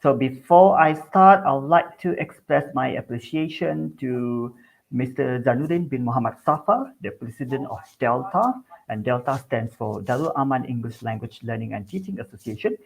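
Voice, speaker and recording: An English teacher from Sabah, Malaysia, gives a friendly online webinar presentation over a video call, presenting plainly with small restarts. His medium-pitched voice is animated and creaky at normal speed, and the audio quality is poor.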